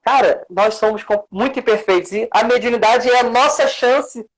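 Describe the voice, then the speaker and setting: A man's voice: very high-pitched, normal speed, rough recording. A Brazilian man, a guest on a live stream, teaching by telling stories and acting out the quoted voices. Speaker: spiritist center worker, guest.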